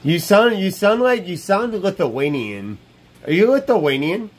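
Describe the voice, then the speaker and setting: His voice is high with big pitch swings and a slightly slow delivery: a man in his thirties rambling on a live stream from a small room. He comes across brash and profane, often repeating himself, speaking through a wired earbud headset mic.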